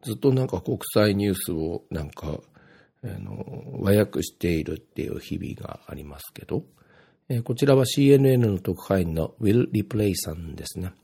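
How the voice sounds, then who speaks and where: A man's voice: deep voice, expressive, moderate pace, creaky, dark tone, husky. A man from Ibaraki talking casually on his own, reading his posts aloud and rambling with plenty of filler words. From Ibaraki, Japan.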